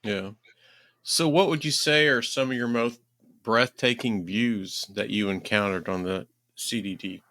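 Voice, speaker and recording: Bright-voiced man hosting a podcast. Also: fairly low pitch, a little slow. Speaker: podcast host. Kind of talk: casual interview chat.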